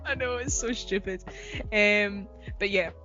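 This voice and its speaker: A woman's voice: medium pitch, measured pace, pushed and bright, dull audio, faint music behind. A woman co-hosting a podcast in casual chat, talking in a chatty, giggly way with lots of fillers. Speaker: podcast co-host.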